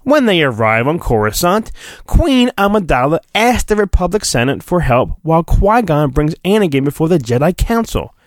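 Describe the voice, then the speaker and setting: This solo podcast host has a fairly high, very animated voice, heard in clean studio sound with no room tone. He reads a children's storybook with mock-dramatic, theatrical emphasis, stretching words out and adding flippant asides.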